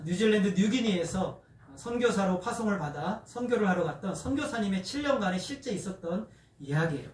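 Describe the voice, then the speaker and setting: A male pastor telling a story in a sermon, animated and asking the congregation questions as he goes. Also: high-pitched, slight background noise. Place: church sanctuary. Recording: echoey church, distant mic.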